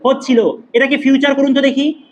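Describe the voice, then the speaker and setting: A man's voice: very high voice, little pitch movement, fairly quick, highs cut off, a little hiss or hum. A young man teaching English grammar to a classroom, questioning his students and repeating key points as he goes.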